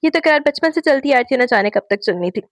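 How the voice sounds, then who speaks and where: A woman hosting her own channel, reading a romance novel aloud in a lively way and voicing the characters. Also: high voice, a little fast, no echo. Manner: lively, raises her voice for quoted dialogue. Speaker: novel reader and channel host.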